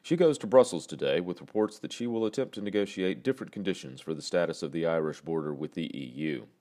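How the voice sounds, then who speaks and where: A man hosting a morning brief, reading scripted market news in a measured, formal newsreader delivery. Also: low voice, darkish tone.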